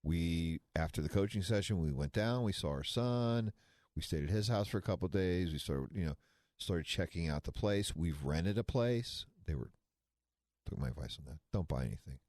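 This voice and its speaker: A man's voice: sits low, animated, normal speed, a little mellow, no echo, studio quality. A man in his sixties co-hosting a financial talk show, chatting casually with folksy, rambling asides. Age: 60s. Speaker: financial radio show co-host. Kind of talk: casual talk radio chat.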